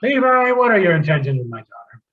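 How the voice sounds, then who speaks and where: An actor playing a flustered, old-fashioned dad in a comedy sketch, stammering and drifting off topic. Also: male voice, sits high, sing-song, fast, narrow, tinny audio. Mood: fatherly. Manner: flustered, easily sidetracked, stammering. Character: rambling old-fashioned middle-aged dad. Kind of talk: amateur comedy sketch acting.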